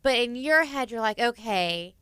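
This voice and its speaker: Guest, thirties, Texan, laughs a lot, bright and clear, slightly high. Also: female voice, animated, moderate pace, no room sound, studio quality. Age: 30s. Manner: chatty, laughs often. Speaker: studio guest. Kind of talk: casual radio chat.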